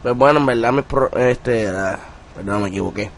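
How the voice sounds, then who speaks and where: A man's voice: mid-range voice, moderate pace, a little hiss or hum. A young man from Puerto Rico with a Puerto Rican accent, a rapper answering interview questions in streetwise slang, with many filler words. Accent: Puerto Rican Spanish. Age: young adult. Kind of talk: casual interview talk.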